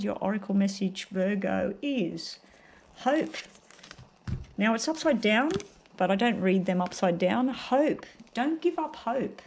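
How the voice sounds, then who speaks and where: A woman giving a casual, unhurried tarot card reading while suffering from a very sore throat. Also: on the low side, darkish tone, slight background noise. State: very sore throat, may choke up.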